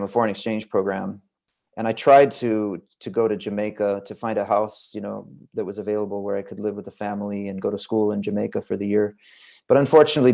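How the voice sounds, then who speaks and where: Give me an American man from Los Angeles, speaking as the guest in a casual interview. His voice sits on the low side, and he tells his story at length in a reflective, wandering way. He is heard over a video call. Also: warm tone. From Los Angeles, United States. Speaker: guest author.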